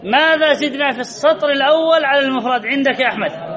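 High-voiced male teacher quizzing a class. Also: quick pace, muffled recording, a crowd in the background. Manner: repeats answers, quizzes the class. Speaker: Arabic grammar teacher. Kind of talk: classroom lesson with questions to students.

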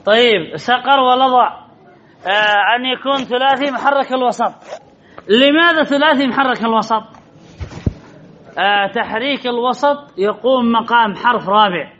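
High bright-voiced male grammar teacher. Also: normal speed. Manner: asks students questions and repeats answers. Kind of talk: classical text lesson, reading and explaining. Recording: slightly dull, faint background noise.

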